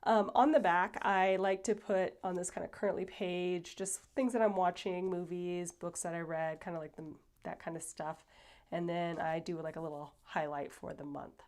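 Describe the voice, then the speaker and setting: A woman hosting a casual planner flip-through, chatty and rambling with many fillers, sounding a little stuffy and breathy. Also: fairly low pitch, fairly even intonation, normal speed, darkish tone. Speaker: planner channel host.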